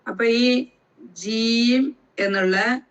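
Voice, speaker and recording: A woman teaching Quran recitation rules, speaking slowly and deliberately and drawing out each letter sound to show how it is made. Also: on the high side, clear, resonant tone, dull audio.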